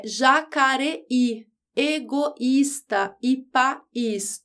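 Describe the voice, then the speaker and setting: A woman teaching a grammar lesson, explaining rules clearly and drawing out example words slowly. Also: on the high side. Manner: clear, didactic, spells out syllables slowly. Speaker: Portuguese teacher.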